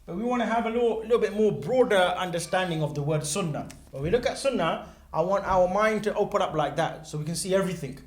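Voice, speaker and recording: Animated, high-voiced male teacher. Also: fast talker. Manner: explains terms step by step, checks in with a questioning "yeah?". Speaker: religious teacher. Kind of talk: classroom lecture.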